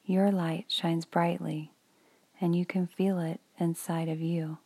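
Slow whispering woman guiding a meditation. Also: on the low side, little pitch movement, husky, no echo. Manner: soft whispery delivery, slow and soothing. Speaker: meditation guide. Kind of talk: guided meditation for children.

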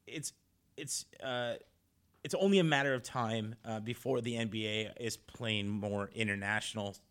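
A man's voice: lowish voice, moderate pace, a bit bright, clean tone. A man co-hosting a casual sports podcast, talking loosely with restarts and frequent laughs. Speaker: podcast co-host.

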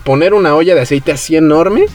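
A young man with a Mexican Spanish accent, hosting a podcast and telling a story in relaxed, slangy chat, acting out the voices of people he quotes. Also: a little high, fast, soft background music. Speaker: podcast host.

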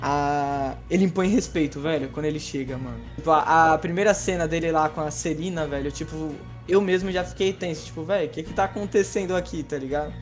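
A man's voice: a little high, brisk, hardly any pauses, faint music behind. A man with a Brazilian accent chatting casually and enthusiastically about films in a slangy way as a podcast co-host.

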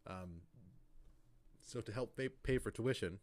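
A man's voice: fairly low pitch, measured pace, a little mellow. A man casually telling a long personal story on a podcast, full of fillers and "like". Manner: rambling, filler-heavy storytelling with lots of "like". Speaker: podcast co-host.

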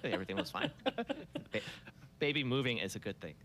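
A man's voice: mid-range voice, wildly swooping pitch, brisk, fairly bright tone. A man recounting a family story in casual conversation, laughing often and restarting his sentences.

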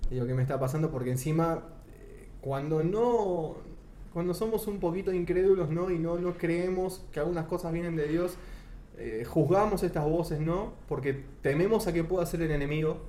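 A young Argentine man, interviewed casually, tells how he came to faith in a warm, fairly high voice at a moderate pace. Earnest and often backtracking to rephrase, he's heard in an echoey room with faint background noise.

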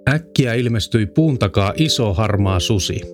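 Low-voiced man reading a fairy tale. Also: lively intonation. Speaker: storyteller. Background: faint music.

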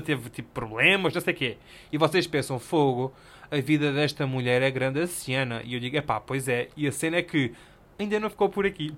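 A young man with a European Portuguese accent, telling a story on his solo podcast in animated, slangy and self-mocking casual chat. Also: mid-range voice. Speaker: podcast host.

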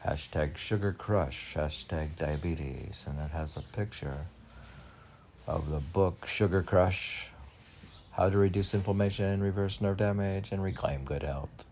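Unhurried and a little mellow, a man's low voice reads his own poems over a faint hiss or hum. He mixes in casual, wandering comments, often murmuring questions to himself.

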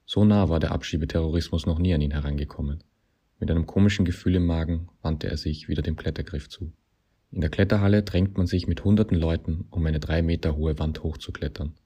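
Guy reading a satirical story, very deep husky voice, deadpan. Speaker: narrator.

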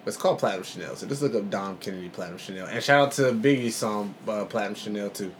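A man's voice: lowish voice, quick pace, slight background noise. A man co-hosting a podcast in casual, comedic chat, slangy, rambling and playful. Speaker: podcast co-host.

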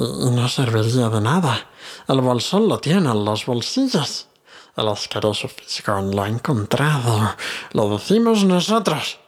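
A man voicing a wretched ancient cave creature that hisses, whines and mutters to itself in an audiobook. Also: breathy edge. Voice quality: hissing, muttering to himself. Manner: whining, cursing, sudden high outbursts. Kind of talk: audiobook character reading.

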